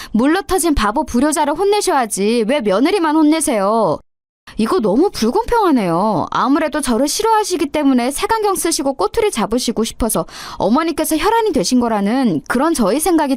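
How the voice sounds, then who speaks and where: A sneering young daughter-in-law, as a woman reads her in a radio story, coldly polite and mocking. Her high voice swoops up and down with taunting lilts. The sound is dry and close. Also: a little mellow, no room sound. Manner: sarcastic, needling, smugly polite.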